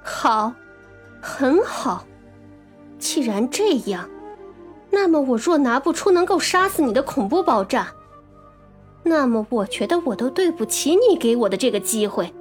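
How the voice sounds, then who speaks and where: A man voicing a fierce young woman warrior with a shrill falsetto in an audiobook. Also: sing-song, a little slow, pauses often, soft background music, heavily acted. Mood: determined. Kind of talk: audiobook character voice.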